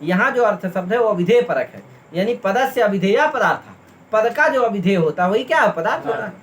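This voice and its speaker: A man's voice: high voice, animated, a little fast. A man teaching a class, listing terms one by one and asking his students again and again whether they understood. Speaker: Sanskrit teacher. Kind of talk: classroom lesson, explaining a text.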